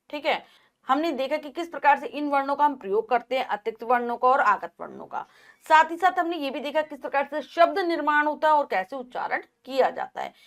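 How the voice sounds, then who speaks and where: A woman teacher giving a Hindi lesson to children, sounding out words syllable by syllable in slow drills. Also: sits high, fairly bright tone.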